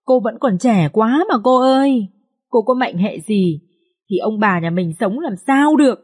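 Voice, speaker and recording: Female narrator playing a high-pitched young maid, tearful and wailing, in a storybook reading. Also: animated, unhurried, darkish tone, husky. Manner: wailing, pleading. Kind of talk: audiobook character reading.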